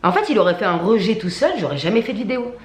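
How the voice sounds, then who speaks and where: A woman's voice: medium pitch, big pitch swings, rapid-fire. A woman vlogger telling a storytime rant to camera, indignant, slangy and full of swearing. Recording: echoey room.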